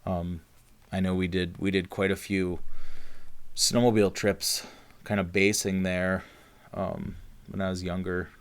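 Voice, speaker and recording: Podcast co-host: man, very low voice, easygoing rambling chat. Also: flat delivery, a little slow, long pauses, clear, resonant tone. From Upper Peninsula of Michigan. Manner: rambling, many fillers and restarts. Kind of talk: casual chat.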